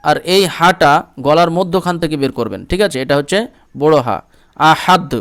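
A man from India teaching Quran reading, spelling each letter and vowel step by step and chanting the verses slowly between explanations. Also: on the high side, animated, fairly bright tone, clear, resonant tone. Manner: slow drawn-out chanted recitation between explanations; asks "ঠিক আছে?" to check understanding. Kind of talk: Quran recitation lesson.

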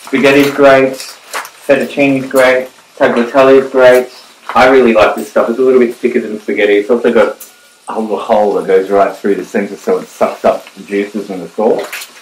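A middle-aged man hosts a casual cooking demo in his home kitchen, chatting and offering tips while working at the stove. His medium-pitched voice stays fairly flat at a normal speed, with a little hiss or hum. The kitchen is echoey, with pans and cutlery clattering.

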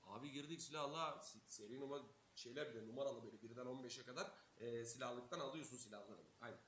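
A man's voice: medium pitch, fast, fairly bright tone. A young man from Turkey telling a story casually as a streamer, swearing a lot and acting out every quoted line. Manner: swears constantly, acts out quotes, laughs while telling. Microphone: streaming mic. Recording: echoey room with faint hiss.

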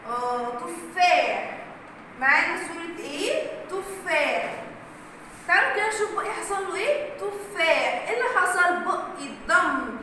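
A woman's voice: very high-pitched, expressive, brisk, pushed and bright, heavy reverb, big-room sound, distant mic, slight background noise, low-quality recording. A woman with an Egyptian accent teaching a kindergarten phonics lesson. She asks questions in a sing-song way and answers them herself, drawing out each letter sound. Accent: Egyptian Arabic.

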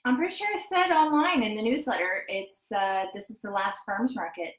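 A woman's voice: medium pitch, a little fast. A woman co-hosting a casual chat, playful and bantering, recorded in an echoey room. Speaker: co-host.

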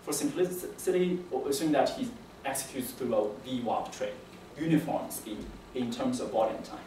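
A young man giving an academic presentation as a PhD candidate, with a halting, hesitant delivery and repeated words. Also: mid-range voice, lively intonation, mellow. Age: young adult. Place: indoor seminar room. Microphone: distant camera microphone. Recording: echoey room, distant mic, faint noise.

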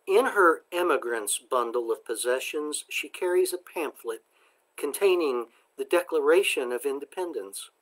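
A man presenting a book discussion, summarizing and reading passages aloud in a slow, measured way. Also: on the high side, animated, fairly bright tone. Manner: slow, deliberate, measured delivery.

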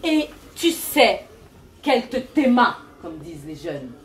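Slow-paced, with big swings in her mid-range voice, a woman does a stand-up bit as a grandiose self-esteem coach delivering preachy, mock-solemn call-and-response laced with English jargon. A big, resonant cathedral-like echo surrounds her, as the mic sits far off in a large, echoey venue.

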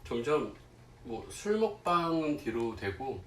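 A man chatting casually to viewers as a livestream host, haltingly, with long pauses and murmured asides. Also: mid-range voice, sing-song, a bit bright, slight background noise. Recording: roomy echo, distant mic, faint music.

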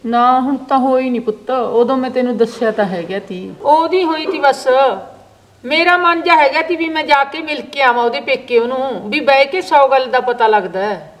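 A woman's voice: sits high, normal speed, close to an everyday voice. A woman playing a grieving old village mother. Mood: worried. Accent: Malwai Punjabi. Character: grieving elderly village mother, worried for her jailed son. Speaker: actor in a village short drama. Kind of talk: amateur village drama acting.

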